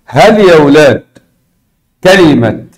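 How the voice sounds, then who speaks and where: A man with an Egyptian Arabic accent teaching a recorded lesson, repeating key words slowly and asking his students questions. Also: fairly high pitch, animated.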